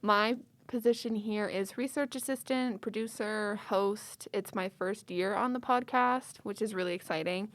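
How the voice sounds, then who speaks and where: A woman's voice: medium pitch, normal speed, few pauses, no room sound. Upbeat young woman from Calgary. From Calgary, Canada. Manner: upbeat, uses "like" and "kinda". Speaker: research assistant and co-host. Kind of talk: casual interview answers.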